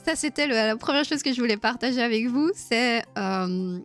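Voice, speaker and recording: A woman's voice: a little high, lively intonation, normal speed, fairly bright tone, soft background music. Chatty woman streaming live with viewers. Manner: chatty, laughs often, many fillers and restarts. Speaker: streamer hosting a live about Tolkien.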